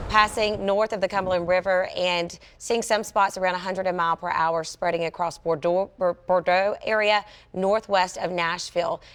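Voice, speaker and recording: A woman anchoring live severe weather coverage, giving earnest, emphatic warnings. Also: mid-range voice.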